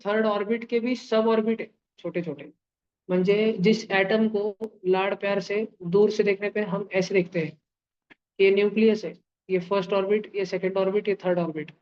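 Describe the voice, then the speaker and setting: In this live online lecture, a man teaches chemistry with a playful touch, using sound effects and everyday comparisons. He keeps asking his students questions to make sure they're following. His voice is high-pitched and steady at a normal speed, and the highs in the audio are cut off.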